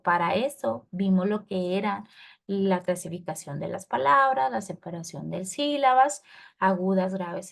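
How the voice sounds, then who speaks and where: A woman's voice: medium pitch, gravelly. A woman teacher, explaining a lesson patiently and often checking with her students. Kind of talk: recorded class lesson.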